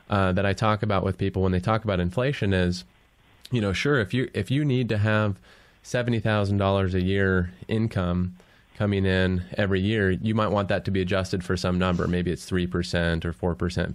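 A man hosting a radio interview, talking in a relaxed way with many fillers. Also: low voice, no echo. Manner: relaxed, filler-heavy conversational delivery. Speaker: radio show host.

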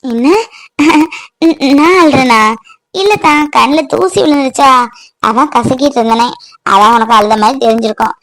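A woman's voice: sits high, fairly bright tone, no echo. A woman voicing a homesick young wife in a cartoon, speaking in a way, pleading and tearful, then brushing it off. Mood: defensive. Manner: emotional, pleading, then covering up with brisk denials. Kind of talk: cartoon voice acting.

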